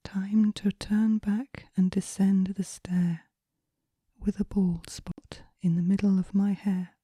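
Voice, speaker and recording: In a relaxing, breathy whisper, a woman reads poetry slowly and gently. Her voice sits at medium pitch, and the delivery is flat, with very little rise and fall. The sound is extremely soft and dark, miked closely, and has no room sound.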